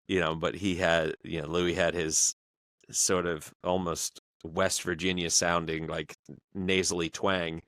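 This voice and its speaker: A man hosting a podcast, telling stories in a halting way, full of fillers, in a casual conversation. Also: deep voice, fairly bright tone, clean tone, no room sound. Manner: halting, filler-heavy storytelling. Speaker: podcast host.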